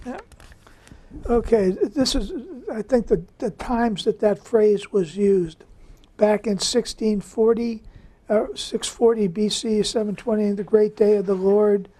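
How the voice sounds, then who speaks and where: A woman with a dark, mellow voice leads a Bible study. She reads scripture aloud and then explains it in an easy, conversational way, often pausing on fillers. Her pitch is in the middle for a woman. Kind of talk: informal Bible study teaching.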